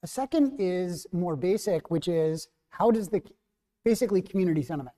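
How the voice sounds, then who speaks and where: A middle-aged man with a New Jersey accent moderating an academic panel in a measured, thoughtful, self-correcting way. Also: high voice, animated, mellow, long reverb tail.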